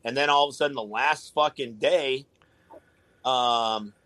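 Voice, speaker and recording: A man's voice: mid-range voice, a little slow, fairly bright tone, no room sound. A man in a casual podcast chat, talking in a laid-back, rambling way with lots of swearing. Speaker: guest, tattoo artist.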